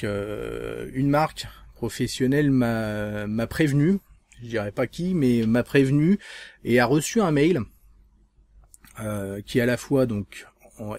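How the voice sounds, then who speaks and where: Hesitant French vlogger, dry close sound. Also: male voice, mid-range voice, a little mellow, dry recording. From France. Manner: hesitant, many fillers, restarts. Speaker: vape channel host. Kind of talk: casual video blog.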